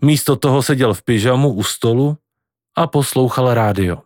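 A man narrating a novel in a measured, scripted audiobook style. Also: medium pitch, darkish tone, dry recording, studio quality.

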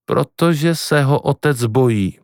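A man reading an audiobook and voicing a middle-aged mother who speaks calmly and seriously. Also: on the high side, dry recording, studio quality, pitched above the performer's own voice. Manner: calm, measured, serious.

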